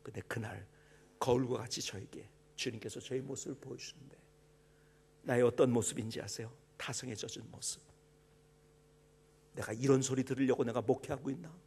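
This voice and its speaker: A middle-aged man preaching a sermon as pastor, dropping to hushed whispers and rising to loud, impassioned cries. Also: medium pitch, fairly quick, pauses often, breathy edge.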